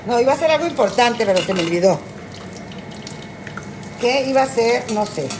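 Cooking in her kitchen during a phone livestream, a middle-aged woman with a Mexican Spanish accent chats while tipsy and high. Her slightly high voice is animated and fairly quick as she rambles through crude, joking stories. A faint hiss sits in the background.

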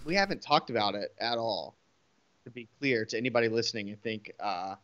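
A man's voice: medium pitch, expressive, a little fast, fairly bright tone. A man co-hosting a casual live podcast, wisecracking and often trailing off. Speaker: podcast co-host, photography mentor. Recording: dull lo-fi sound.

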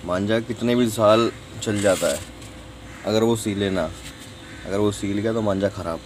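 A man's voice: on the low side, unhurried. A man casually explaining a how-to in a vlog, chatty and instructive, slipping in English phrases. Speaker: vlogger. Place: outdoors in a sunny courtyard. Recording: noisy outdoor phone recording.

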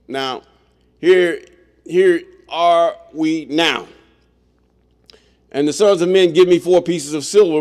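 A man's voice: fairly high pitch, darkish tone. A middle-aged man reading scripture aloud and breaking in with his own blunt comments. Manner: reads slowly, breaks in with blunt asides.

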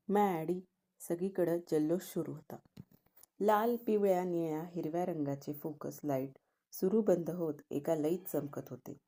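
A woman storyteller narrates an audiobook story. Her voice is fairly low and mellow, and she reads in a measured, expressive way.

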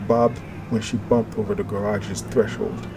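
A man reading an audiobook in steady, measured scripted narration. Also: on the low side, background noise. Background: music.

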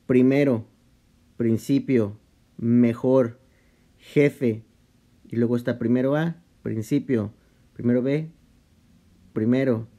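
A man explaining a Bible study in a casual vlog, talking halting and conversational with many restarts and English slang mixed in. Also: medium pitch, gravelly, warm tone. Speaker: vlogger.

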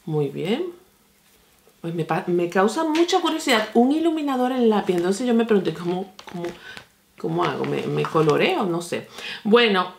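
A woman beauty vlogger chatting excitedly through a product review, calling her viewers friends. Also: mid-range voice, slight background noise.

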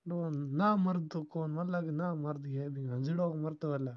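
This is casual private talk in the style of a phone call, delivered at a moderate pace. The caller's pitch is medium and the intonation flat. The sound quality is dull and lo-fi.

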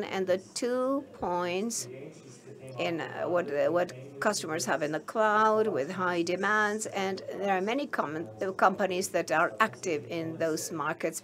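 A woman giving a simultaneous interpretation of a conference keynote, halting and filling pauses with many hesitation sounds. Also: fairly low pitch, a bit bright.

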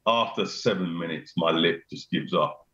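A middle-aged man with a very deep, low bass voice chats casually and eagerly at a normal speed, his tone sharp. He's a venue owner appearing as a guest, enthusiastic, laughing often and repeating himself. Heard over a video call webcam from a small indoor room, the sound is roomy and a bit dull.

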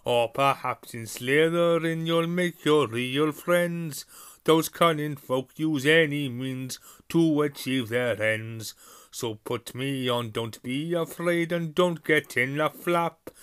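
Sorting Hat: a man putting on a booming jovial talking hat. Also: fairly bright tone, clear, resonant tone. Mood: grand, jovial. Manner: sing-song rhyming recital, slow and booming. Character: singing magical talking hat, old, proud, jovial. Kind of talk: audiobook character voice.

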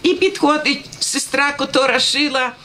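A woman's voice: high-pitched, measured pace, bright, forceful tone, poor audio. A woman giving an emotional personal testimony at a church gathering, laughing and tearful as she tells it.

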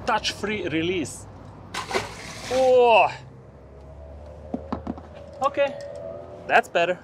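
Speaking very slowly in a high, lively voice, this man narrates his fishing trip for viewers, cheering each fish he hooks from a small boat on a river. Traffic and outdoor noise fill the recording, captured by a camera fixed to the boat.

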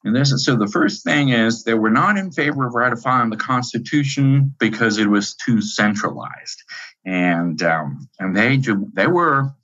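A man with an Italian accent, a professor guest answering at length in animated, lecturing speech with frequent fillers and restarts. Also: mid-range voice, normal speed, muffled recording. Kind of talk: interview answers.

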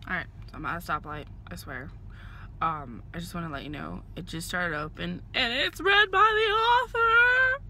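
A woman in her twenties vlogs from inside her car, holding her phone at arm's length and rambling casually with plenty of fillers while hoarse and losing her voice. Her lowish voice swings widely in pitch at a moderate pace, sounding pushed and bright over a little hiss or hum.

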